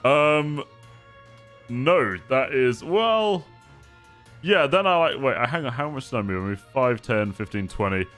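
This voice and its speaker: A man with a mid-range voice and very lively intonation plays a tabletop game. His talk is casual and playful, with faint music running behind it. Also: mid-range voice, unhurried.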